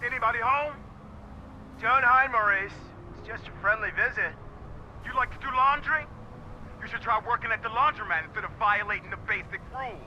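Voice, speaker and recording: A taunting game thug, high and bright, in muffled, dull sound. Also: male voice, a little fast, slight background noise, exaggerated voice. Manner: sneering, taunting. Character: menacing male thug, mocking. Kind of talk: video game voice acting.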